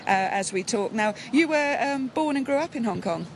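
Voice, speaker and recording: A woman radio presenter interviewing a guest on location at a football pitch, asking quick, chatty questions. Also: expressive. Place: outdoors at a football pitch, in the shade. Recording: clear outdoor traffic noise.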